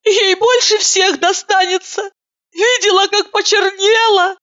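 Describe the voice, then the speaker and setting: Woman voicing a shrill, wailing plump housewife. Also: steady tone, unhurried, fairly bright tone, lo-fi sound. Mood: tearful. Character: plump excitable middle-aged woman, gushing and tearful. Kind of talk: audiobook character voice.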